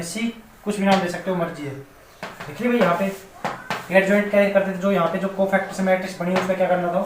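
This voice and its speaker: A man with a Rajasthani Hindi accent teaching a maths lesson, often asking the students whether they have understood. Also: high-pitched. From India. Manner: repeatedly checks students' understanding. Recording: echoey room, mic at a distance, faint noise.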